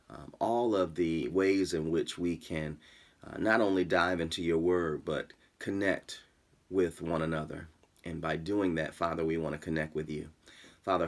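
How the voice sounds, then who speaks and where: A man in his thirties leads an online devotional as a pastor, and his voice sits very low with a gravelly fry. He speaks earnestly and steadily, pausing on "uh" and "um" as he prays and explains scripture. He is recorded on a webcam in a small room at home. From Michigan, USA. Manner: earnest, measured, with frequent "uh" and "um". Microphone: webcam in front of him.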